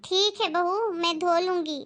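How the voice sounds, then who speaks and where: A woman voicing a gentle elderly grandmother in a comedy family skit, speaking softly and slowly. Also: extremely high pitch, fairly even intonation. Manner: soft, slow and pleading. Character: elderly grandmother, meek and gentle mother-in-law.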